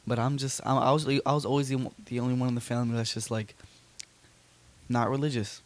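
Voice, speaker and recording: A man's voice: mid-range voice, flat delivery, a little fast. A young man co-hosting a casual podcast, talking hesitantly with many fillers. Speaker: podcast co-host. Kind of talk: casual chat.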